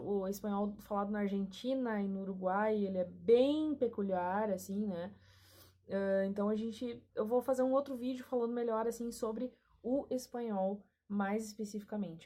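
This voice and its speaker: A woman's voice: mid-range voice, dark tone. A woman with a Gaúcho Brazilian accent from southern Brazil, teaching a casual lesson and often tagging her sentences with a questioning aside. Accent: Gaúcho Brazilian Portuguese. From Rio Grande do Sul, southern Brazil. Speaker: language teacher.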